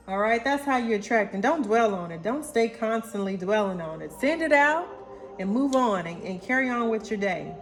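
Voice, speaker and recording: Playful card-reading woman. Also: medium pitch. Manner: animated, playful, calls viewers honey and y'all. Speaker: intuitive oracle card reader. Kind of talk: casual tarot-style card reading.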